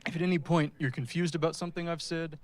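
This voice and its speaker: A man's voice: a little high, steady tone, quick pace. A man giving a technical presentation in front of an audience, addressing the listeners directly. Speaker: speaker giving a technical talk. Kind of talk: conference-style presentation to an audience.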